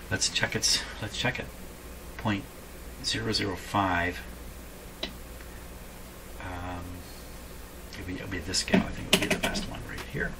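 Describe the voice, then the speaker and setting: Working at the bench in an indoor home workshop, a deep-voiced man hosting a radio repair video thinks aloud in a casual, unhurried way, musing with dry humor. Background noise is clearly audible in the recording.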